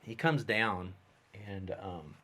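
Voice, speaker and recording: A man, a guest filmmaker, telling a story in casual, animated conversation. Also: sits low, takes it slowly, slightly rough. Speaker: guest, special effects artist and filmmaker.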